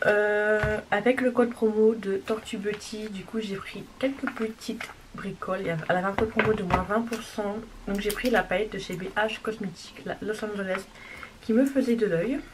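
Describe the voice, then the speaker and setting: A woman showing off a makeup haul in a casual, gushing way, sometimes dropping to a soft whisper. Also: mid-range voice. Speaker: beauty vlogger. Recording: distant mic with clear background noise.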